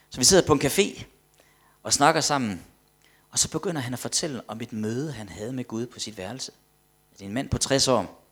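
A man preaching a sermon with emphatic delivery, swinging between loud declarations and hushed asides, often repeating words as he builds a point. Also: fairly low pitch, slightly rough.

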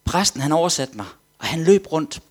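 Preacher telling a lively story. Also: male voice, fairly high pitch, breathy edge. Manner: animated storyteller, drops to whispers, acts out quotes. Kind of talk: sermon testimony storytelling.

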